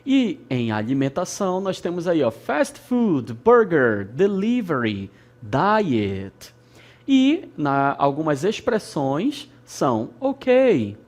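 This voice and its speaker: Slow and a little mellow, the teacher's mid-range voice swings widely in pitch. She is a Brazilian from Amazonas, recording an English lesson in a studio, repeating key vocabulary and checking understanding with "ok?".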